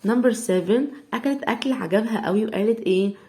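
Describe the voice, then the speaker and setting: A young woman with an Egyptian Arabic accent teaching a children's English lesson, sounding out words slowly syllable by syllable. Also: a little high, warm tone.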